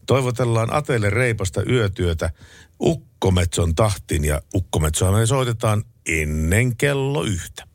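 A man hosting a late-night radio show and chatting in a relaxed way about listener requests and the news. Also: lowish voice, no echo. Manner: relaxed, chatty and easily amused. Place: radio studio. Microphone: close studio microphone.

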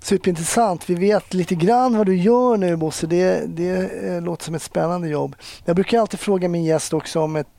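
A man's voice: high voice, creaky, few pauses, mellow. A man hosting a casual interview, asking easygoing questions and giving short encouraging replies. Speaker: podcast host.

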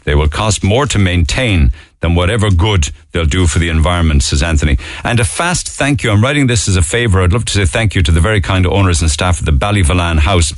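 A man's voice: low-pitched, dry recording. A man with a Cork Irish accent, hosting a radio phone-in in a casual, conversational way.

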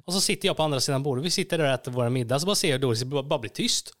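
A man co-hosting a podcast in casual chat, retelling events in an animated way. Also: mid-range voice. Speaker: podcast co-host.

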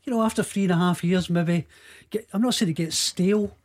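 A man on a radio sports panel thinks aloud about players and contracts. His voice sits a bit high for a man. He muses more than he argues. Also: fairly quick, a little mellow. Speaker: football journalist on a panel.

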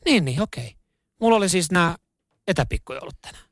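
A man co-hosting a radio talk show, rambling through stories in relaxed chat with plenty of fillers and easy laughter. His voice sits fairly high for a man and is captured dry and close to the mic, with no room sound. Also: no echo. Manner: chatty, laughing storyteller with many fillers. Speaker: radio co-host. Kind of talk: casual chat.

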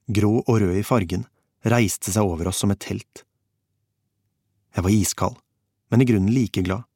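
Low-voiced male audiobook narrator. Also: a little mellow, no echo, studio quality. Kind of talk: scripted first-person narration.

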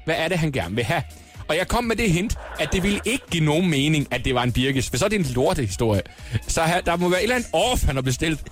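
A man's voice: fairly high pitch, very animated, soft background music. Joking man running a radio quiz. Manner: teasing, laughs often. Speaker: quizmaster on a radio show.

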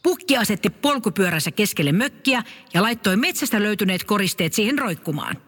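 A woman narrating a comic Christmas story in a calm storytelling manner. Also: medium pitch, slightly rough, big-room sound.

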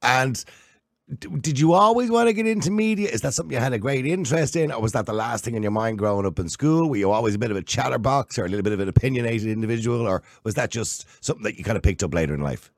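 A man's voice: medium pitch, lively intonation, fast talker, dry recording, studio quality. An Irish man hosting a casual interview, chatty and teasing as he fires off questions. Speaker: host. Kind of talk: casual radio-style interview.

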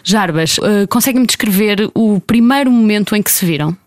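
A woman's voice: mid-range voice, moderate pace, a little mellow, dry recording, studio quality. A woman with a European Portuguese accent, hosting a podcast and putting questions to guests conversationally. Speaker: podcast host and interviewer. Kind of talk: conversational interviewing.

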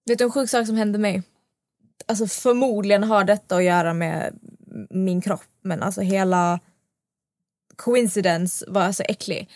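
A young woman hosting a casual podcast, telling a story with lively quoted dialogue. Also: mid-range voice, no room sound, studio quality. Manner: animated storytelling, acting out quotes. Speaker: podcast host.

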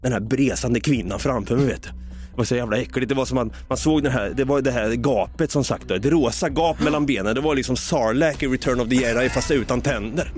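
A man co-hosting a podcast, telling a comic story in a casual, animated way and swearing a lot. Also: mid-range voice. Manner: animated, swearing, acts out voices in his anecdotes. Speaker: podcast co-host.

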